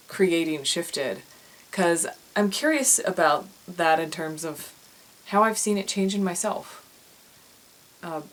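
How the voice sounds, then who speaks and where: A woman's voice: lowish voice, poor audio. A young woman, an author, talking casually to her viewers in a rambling way, often restarting and repeating words. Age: young adult. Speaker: author and vlogger. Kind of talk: casual chatty vlog.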